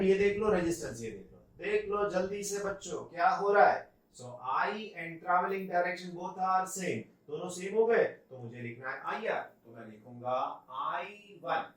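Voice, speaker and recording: A male physics teacher, his pitch rising and falling as he urges his class on. He speaks in an unhurried way and sits a bit back from the mic. His voice echoes around a bare room. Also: far from the mic. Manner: lively, coaxing students with repeated questions. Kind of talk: classroom lecture.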